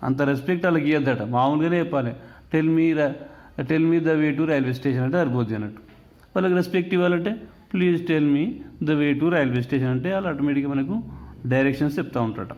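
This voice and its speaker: A man teaching a lesson on an English text, explaining in another language mixed with English words and reading English quotations slowly. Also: fairly high pitch, highs cut off.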